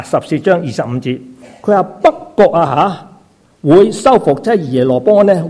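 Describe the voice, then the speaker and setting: This man, both doctor and preacher, gives a sermon full of rhetorical questions aimed at the congregation, dropping in frequent brief "na" and "ha" interjections. He sounds on the high side, with a dark tone.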